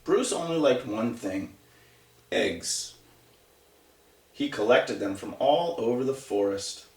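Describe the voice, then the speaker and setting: A man with a medium-pitched voice reads a picture book to young children, slow and animated, keeping it conversational with chatty asides and questions for his listeners. The distant mic gives the recording a roomy echo.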